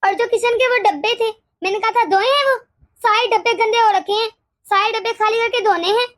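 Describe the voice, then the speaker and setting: Bossy old cartoon mother-in-law, super high voice, scolds nonstop. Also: fairly even intonation, fairly quick, no room sound, studio quality. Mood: scolding. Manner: nagging, scolding, sharp-tongued. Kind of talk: animated storybook voice acting.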